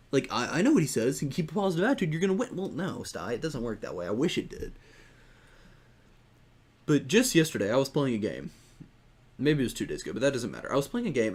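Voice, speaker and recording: Young male gamer for a casual rant vlog, exasperated and rambling, mid-pitched. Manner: rambling and exasperated, with frequent restarts and swearing. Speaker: gaming YouTuber. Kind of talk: casual gaming rant to camera.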